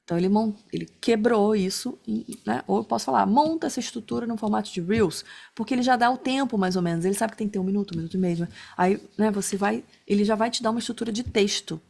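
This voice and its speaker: A woman giving a relaxed online lesson, talking through her method in a chatty way. She keeps checking in with her listeners as she goes, and her voice sits at an ordinary middle pitch. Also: fast, gravelly, hardly any pauses. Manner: chatty, many fillers like né and tá. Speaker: instructor. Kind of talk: casual online class talk.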